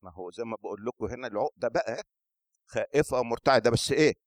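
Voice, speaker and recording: An Egyptian man delivers a sermon in a middle-pitched voice. He keeps it lively, stops to question the congregation and slips into the voices of scripture. The sound is close and dry. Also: racing, no room sound. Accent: Egyptian Arabic. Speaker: preacher.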